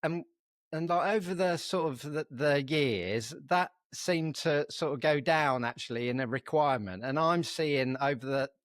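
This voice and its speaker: A man's voice: a little high, normal speed, dry recording, clean studio sound. A man in his fifties hosting a podcast interview, encouraging and reflective, with lots of "like" and "you know". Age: 50s. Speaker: podcast host. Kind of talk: casual interview conversation.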